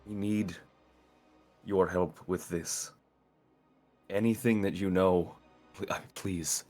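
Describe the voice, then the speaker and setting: A man playing a tired, gentle male peacemaker who speaks softly and apologetically in a tabletop game. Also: sits low, a little slow, soft background music. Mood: pleading. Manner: soft, calming and apologetic.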